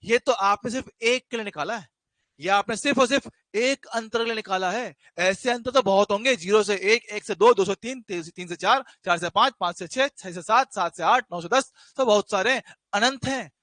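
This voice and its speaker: A man's voice: sits high, moderate pace, sharp tone, no echo. A man teaching a physics class, repeating key terms and breaking off into teasing jokes with his students. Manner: jokey, teasing asides to students; repeats key phrases for emphasis.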